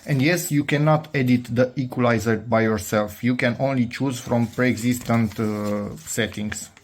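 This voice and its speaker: The host of a DIY electronics channel talks in a steady, medium-pitched voice at a slightly slow pace. He works through a hands-on project informally, a bit hesitantly, narrating his own thoughts as he goes.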